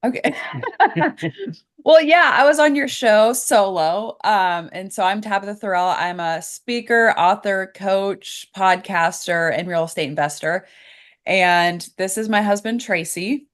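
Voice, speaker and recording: A woman's voice: medium pitch, measured pace. A woman, a coach and speaker guest on a podcast, chatting cheerfully. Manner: cheerful, laughs often. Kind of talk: casual interview chat.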